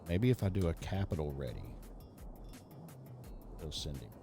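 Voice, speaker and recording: A deep, mellow-voiced man hosts a live esports racing event. He talks in a loose, chatty way and jokes easily, with faint music behind him. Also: expressive, moderate pace. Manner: casual, chatty, joking. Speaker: race event host and commentator.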